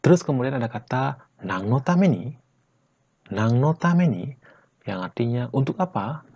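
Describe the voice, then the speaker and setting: A man from Bali teaching Japanese slang in a casual lesson, saying each phrase slowly and then at normal speed, and tagging lines with a chatty "guys, ya". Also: medium pitch, big pitch swings, a little mellow, lo-fi sound. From Bali, Indonesia. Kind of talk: casual vlog-style lesson.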